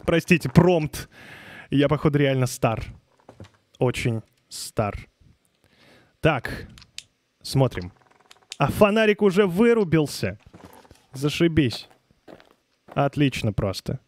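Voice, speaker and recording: A man's voice: on the high side, very animated, takes it slowly, long pauses, no echo. Casual man streaming a game, dry close mic. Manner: informal, muttering puzzlement, frequent swearing. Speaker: live streamer. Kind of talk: casual gaming live stream commentary, reading and answering chat. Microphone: close streaming microphone.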